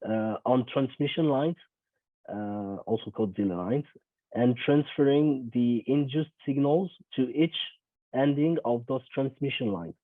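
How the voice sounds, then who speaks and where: A young man with a cold gives a technical conference talk at an unhurried pace in a medium-pitched voice, stopping and restarting with many ums. It's a screen recording of a video call, so he sounds thin and phone-like, with completely dry sound and no room tone.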